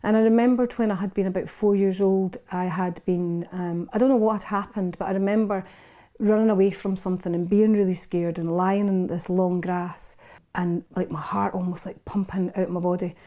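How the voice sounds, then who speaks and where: A woman's voice: medium pitch, fairly even intonation, normal speed, warm tone. A Scottish woman in her fifties, a podcast guest, telling her life story in a frank, unguarded way with frequent restarts. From Scotland. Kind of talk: candid personal storytelling in a casual interview.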